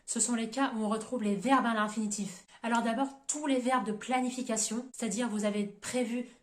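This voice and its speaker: French-speaking woman doing a youtube english lesson, kinda high voice, clear teacher tone, roomy echo. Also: fairly even intonation, brisk, a little hiss or hum. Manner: clear explanatory teaching, switching to English example sentences.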